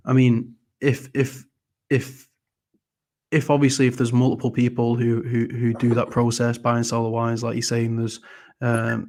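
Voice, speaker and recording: A man with a medium-pitched, slightly mellow voice hosts a casual live audio panel. He's friendly and hesitant, repeating words, apologizing often and calling people "mate."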